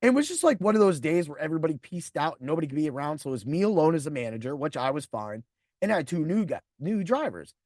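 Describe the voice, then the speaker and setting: A man's voice: fairly high pitch, sing-song, fast, a little mellow, no room sound, studio quality. A man in his forties, a podcast host, telling a profane personal story and acting out the people in it. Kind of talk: storytelling monologue.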